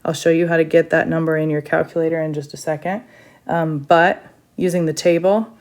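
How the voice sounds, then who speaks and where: A woman's voice: low voice, darkish tone. A woman teacher recording a step-by-step math lesson for her students, chatty, with frequent fillers.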